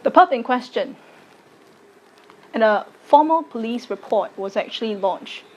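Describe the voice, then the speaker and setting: Measured woman in her twenties. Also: a little high, lively intonation, rough recording. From Singapore. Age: late 20s. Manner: slow, deliberate, measured delivery. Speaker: arts educator and content creator. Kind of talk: recorded personal statement to camera.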